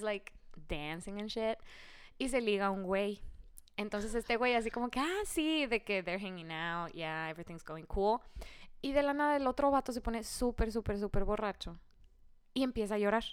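A young woman with a Mexican accent, co-hosting a podcast and telling stories with lively acted-out voices and bits of English. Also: mid-range voice, clear, resonant tone. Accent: Mexican Spanish. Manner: animated storyteller, acts out voices, switches into English. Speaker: podcast co-host. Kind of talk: casual chat.

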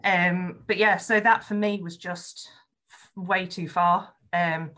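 Slow-paced, with fairly even intonation, this woman's voice is on the low side and fairly bright. A guest on a conversational podcast interview, she has a Yorkshire accent, comes from Yorkshire, England, and speaks frankly and earnestly with frequent ums.

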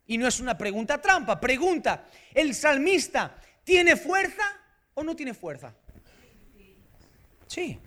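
High, bright-voiced Spanish preacher. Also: male voice. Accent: Spanish from Spain. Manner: emphatic, rising to shouts on key phrases. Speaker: pastor. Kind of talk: sermon.

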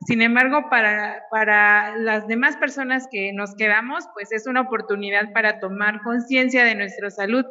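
A woman hosts an interview in a bright, higher voice, often pausing and repeating words as she builds her questions. The sound is dull and lo-fi, with a long reverb trailing behind her. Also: fairly even intonation. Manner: hesitant, repeats words while asking. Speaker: podcast host.

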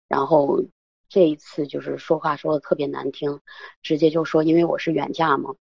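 A woman's voice: low-pitched, level tone, moderate pace, gravelly, a little mellow, husky, no echo, highs cut off. A woman in her thirties calling an advice show, talking hesitantly with many fillers. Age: 30s. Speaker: caller. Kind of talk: call-in advice talk.

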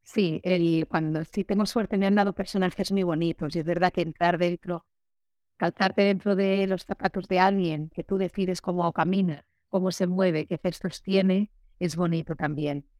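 A woman, an actress, talking candidly in an interview, telling her story lively and acting out the voices she quotes. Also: fairly low pitch, moderate pace, no room sound, clean studio sound. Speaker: guest, actress.

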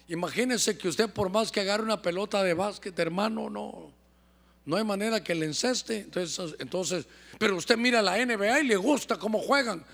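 Honduran apostle, high gravelly voice, fervent sermon in a church hall with long reverb. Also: male voice, fairly bright tone. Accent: Honduran Spanish. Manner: fervent, keeps addressing "hermano". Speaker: apostle preaching. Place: church service.

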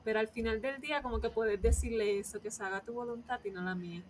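A woman's voice: on the high side, fairly even intonation, fast talker, a little hiss or hum. A woman hosting a casual faith podcast, talking reflectively and laughing easily. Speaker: podcast host.

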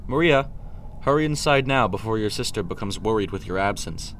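A man voicing a nervous, frightened gentleman who speaks in a wavering, stammering tone. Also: lowish voice, animated, brisk, a little hiss or hum. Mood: anxious.

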